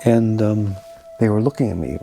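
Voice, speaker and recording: Gravelly-voiced man recounting his past. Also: fairly low pitch, dark tone, faint music behind. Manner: reflective, halting, with restarts. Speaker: interviewee telling his life story. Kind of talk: personal storytelling.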